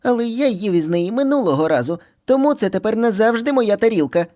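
A man's voice: high-pitched, expressive, brisk, warm tone, pitched above the performer's own voice. A man voicing two squabbling little boy bunny brothers in a storybook reading, whiny and bickering.

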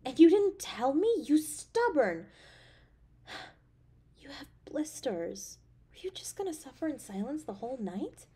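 As an affectionate, playful, caring girlfriend in an intimate audio drama, the actress delivers tenderly and expressively. Here she's worried and scolding, speaking in a high voice without hurrying.

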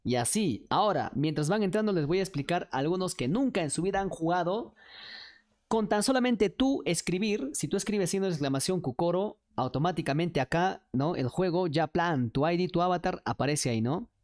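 Chatty woman streamer, lowish voice. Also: lively intonation, normal speed, a little mellow. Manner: chatty, coaxing the chat, slangy. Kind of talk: casual livestream chat hosting a chat game.

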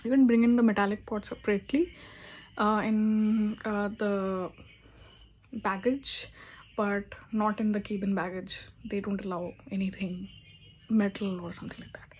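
A woman's voice: mid-range voice, little pitch movement, moderate pace, darkish tone, slightly rough. A young woman talking casually into a phone camera at home, explaining plant care with frequent hesitations and fillers. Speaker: plant vlogger. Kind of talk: casual how-to vlog. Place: indoor room at home. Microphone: phone camera at arm's length.

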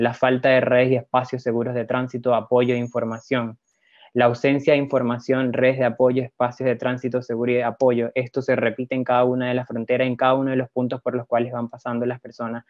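A man's voice: mid-range voice, a little mellow, dry recording. Dull, dry voice-over of a hesitant man. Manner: measured, hesitant, with pauses and fillers. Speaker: presenter. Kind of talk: narrated slide presentation.

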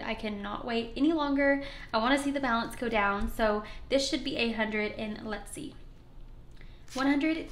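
For her budgeting channel, a woman counts cash at a wooden table indoors, talking casually and cheerfully to camera. Her voice is high and slightly scratchy, and the room gives it an echo.

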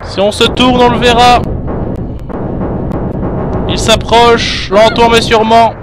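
A man with a very high voice yelling through a horror game, panicky and bossy toward his teammate. game music plays loudly behind his desk mic. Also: slow. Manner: excitable, shouts and bosses his partner. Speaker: let's play gamer. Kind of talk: panicked gameplay commentary.

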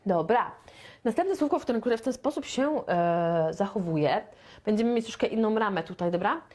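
A woman from Poland teaching a beginner English lesson, chatty and playful, stretching out her model sentences very slowly. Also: mid-range voice, animated, a little mellow. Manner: slow, deliberate, with very drawn-out model sentences; chatty and playful, with sound effects.

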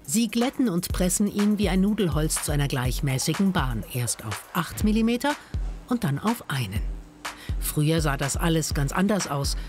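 A narrator of a TV documentary, speaking in a lively, playful scripted style. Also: medium pitch, normal speed. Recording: voice-over with music.

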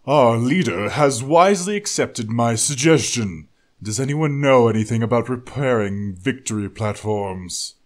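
A man voicing a deep-voiced young male troll with a stiff, old-fashioned formality in an audio drama. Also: animated, unhurried, lightly acted.

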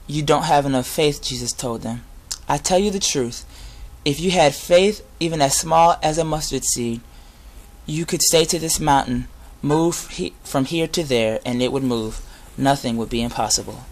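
A young adult man giving an informal sermon with Bible readings, speaking earnestly and a little haltingly. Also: a little high, poor audio. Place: inside a garage. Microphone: device camera at close range.

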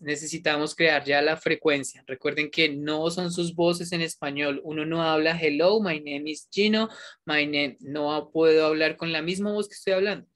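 A teacher speaks at a middle pitch in a coaxing, encouraging way, switching between Spanish and English. Words get repeated for emphasis as the teacher talks to students in an online class. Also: a bit bright.

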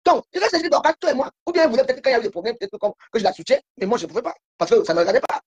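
A woman's voice: fairly high pitch, very fast, darkish tone, husky, dull audio. A woman guest on a live stream, complaining in a heated, repetitive way. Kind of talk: casual live-stream chat.

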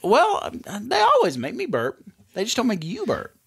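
Middle-aged guy hosting a home podcast from a bedroom, rambles and restarts, really lively up and down voice. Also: extremely high pitch, moderate pace, vocal fry, breathy edge. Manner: rambling, drifting into tangents with restarts. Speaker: podcast host and father. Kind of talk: casual chat.

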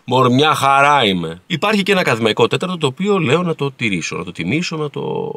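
A man with a mid-range, very animated and slightly bright voice vlogs his day as a TV station video editor. Holding his camera as he heads to the control room, he keeps things casual with playful, jokey asides.

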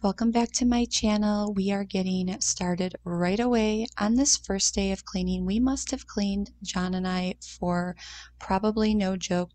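A woman's voice: medium pitch, a little mellow. A woman in her thirties narrating her cleaning vlog in a chatty, upbeat voice-over, with frequent "um"s. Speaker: cleaning vlogger.

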